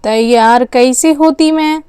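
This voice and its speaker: A woman's voice: high voice, slow, dark tone, clear, resonant tone, no echo, clean studio sound. A woman voicing a worried, busy young mother in a doll story. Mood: flustered. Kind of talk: storytelling with dolls.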